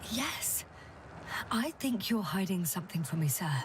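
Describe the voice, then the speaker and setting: A woman's voice: medium pitch, animated, unhurried, recorded from a distance, background noise, lightly acted. An actress playing a tired, direct female doctor on a space mission in a game.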